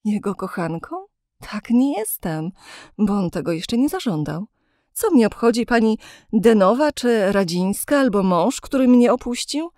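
A woman voicing a gentle young woman who turns defiant and bitter about love, speaking passionately. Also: medium pitch, sing-song, measured pace, no echo, studio quality, pitched above the performer's own voice. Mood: impassioned.

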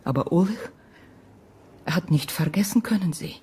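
In a radio drama, an actress plays a sorrowful Ukrainian woman telling of a lost love, speaking halting, broken German with an Eastern European accent in a breathy half-whisper. The delivery is wistful and intimate, in a lowish, dark-toned voice with lively intonation.

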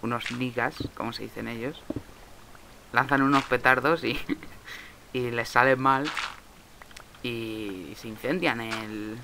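A young man with a Spain Spanish accent talks through a Minecraft session in an unhurried, gravelly voice with a bright, sharp edge. He mutters to himself and swears at the lag as he plays. A faint hiss sits under the recording. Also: medium pitch, fairly even intonation. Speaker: Minecraft let's player. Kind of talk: casual gameplay commentary.

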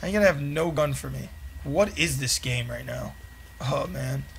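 A man's voice: medium pitch, normal speed, creaky, a little hiss or hum. A young man streaming a video game as a raging gamer, slangy and exasperated, complaining to his chat as he plays. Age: young adult. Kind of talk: live gameplay commentary with slangy chat to viewers. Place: small room at home.

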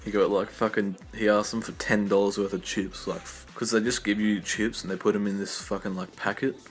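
A man's voice: on the low side, level tone, fairly quick. A young man casually telling stories to camera in a blunt, profane, laid-back way. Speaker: YouTuber.

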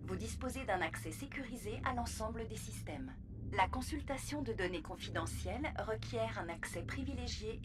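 A woman voicing a polite station virtual intelligence that speaks as a computer, giving measured, formal status reports. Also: on the high side, background noise. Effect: computer voice of a station assistant. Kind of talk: video game dialogue. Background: game music.

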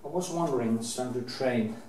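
A middle-aged Norwegian man with a Norwegian accent talks a little fast in a mid-range voice while demonstrating painting as a teacher in an indoor studio. He rambles, restarts sentences and swears casually now and then. The camera mic sits at a distance, so the sound is roomy and distant with faint background hiss.

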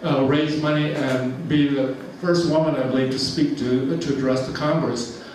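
A septuagenarian man from Georgia, USA, chats through a slide talk in a large church hall, rambling with plenty of fillers and chuckles. His voice sits a little high with fairly even intonation, a moderate pace, and a slightly mellow quality. The far-off mic picks up hall echo and slight background noise.

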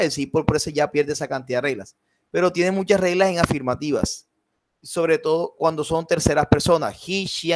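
A man teaching a live online English class, switching between Spanish and English and checking in with his students. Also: fairly high pitch.

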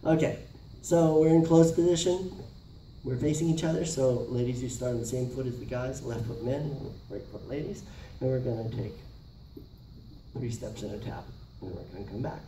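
Here a middle-aged dance teacher speaks at a moderate pace in a mellow, medium-pitched voice, counting the steps aloud between quick instructions. It was recorded from across a large carpeted multipurpose room on a camera mic, sounding roomy and distant with faint noise.

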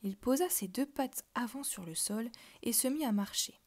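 A woman reading a children's novel aloud, telling the story softly and dropping to a whisper at tense moments. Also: a little high, animated, moderate pace. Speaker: reader.

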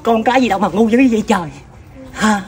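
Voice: mid-range voice, fast talker, lightly acted. Comedy skit: an adult as a hot-tempered older relative, Southern Vietnamese accent, exasperated and scolding. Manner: loud exasperated scolding, repeated sighing exclamations.

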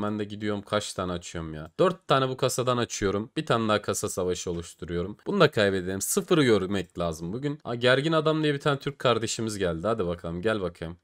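A man with a Turkish accent doing casual, animated commentary while opening game cases, groaning and swearing at his losses. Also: lowish voice. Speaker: gaming YouTuber.

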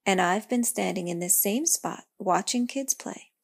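Brief: a woman doing a wise, gentle old tree giving advice, soft and husky. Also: mid-range voice, a little slow. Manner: calm, gentle, reassuring.

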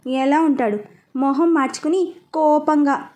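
A woman's voice: high-pitched, fairly even intonation, unhurried, mellow. A woman voicing a playful, scheming old grandmother who teases her granddaughter. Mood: teasing. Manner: playful, teasing.

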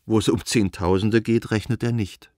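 A man's voice: on the low side, fairly even intonation, normal speed, warm tone, no echo, clean studio sound, natural voice. A male reader voicing Anna, a young noblewoman who talks eagerly and tenderly about her own happiness, in an audiobook reading. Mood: enthusiastic.

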